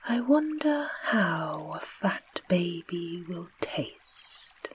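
A woman with an English accent voicing a hungry, timid male lion in a soft unvoiced whisper, as whispered role-play. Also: fairly low pitch, big pitch swings, drawn-out words, slight background noise, heavily acted. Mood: musing.

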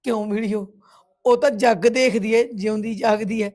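Actress doing a teary, accusing punjabi sister in a village drama. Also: female voice, medium pitch, fairly even intonation, moderate pace, a little mellow, natural voice. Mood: bitter reproach. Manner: reproachful, tearful accusations. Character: bitter grieving village woman, middle-aged, accusing. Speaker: actress playing a grieving sister. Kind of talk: village web series drama.

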